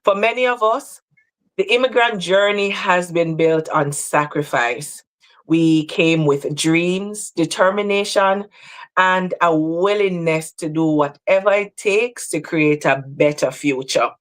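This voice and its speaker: A woman from Jamaica hosting a livestream talk, speaking in an earnest, measured way. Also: on the low side. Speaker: host.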